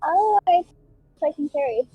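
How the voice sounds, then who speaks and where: A woman's voice: high voice, animated, a little slow, muffled recording. A woman playing a tabletop game, chatting casually and playfully as she describes her character's actions.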